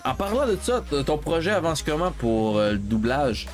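A man with a Québécois French accent chats casually while streaming a game, spinning a rambling story full of filler and restarts. His voice sits fairly high and swings widely in pitch, at a moderate pace, with faint music in the background.

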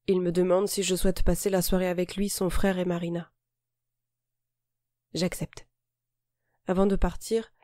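Brief: female audiobook narrator, calm and measured first-person reading, mellow tone, dry close sound. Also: fairly low pitch, no room sound.

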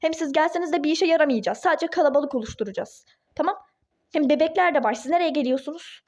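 A woman voicing a calm, soothing young husband in a toy-game role-play drama, talking in a reassuring way. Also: high-pitched, quick pace, lightly acted. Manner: calming, reassuring.

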